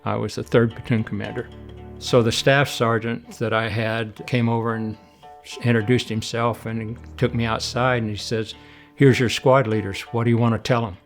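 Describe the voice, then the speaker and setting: A man's voice: mid-range voice, moderate pace, soft background music. An older man, a retired Marine colonel from Oklahoma and Oregon, telling his life story plainly in an interview. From Oklahoma and Oregon, USA. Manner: plain, even-toned recollection with fillers.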